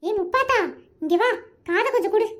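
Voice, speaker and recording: Woman doing a sly hushed village woman. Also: fairly quick. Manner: conspiratorial, drops to a low hush. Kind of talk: cartoon voice acting.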